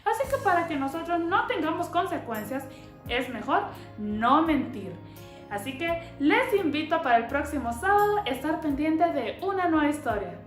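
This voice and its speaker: A woman telling a children's story in a lively way, often asking the children questions. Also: sits high, normal speed, reverberant, faint music behind.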